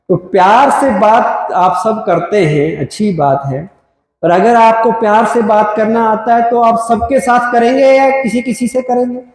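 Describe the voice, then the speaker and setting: A man's voice: sits high, darkish tone. A man giving a spiritual talk to a live audience, often asking the crowd questions. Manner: asks the crowd questions, Hinglish mix. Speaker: spiritual speaker. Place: large hall. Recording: echoey hall from afar.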